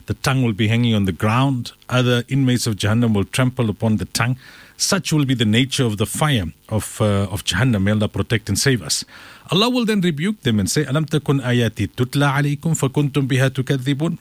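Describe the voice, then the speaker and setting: A man teaching a Quran commentary class, reciting Arabic verses quickly and then explaining them in English with animated delivery. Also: medium pitch, no echo.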